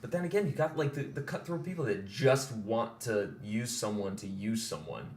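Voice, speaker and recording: A man's voice: lowish voice, lively intonation, moderate pace. A man co-hosting a podcast in casual chat, rambling with many restarts. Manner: rambling, restarts and laughs often. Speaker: podcast co-host. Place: studio or room for a podcast. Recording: echoey room with faint noise.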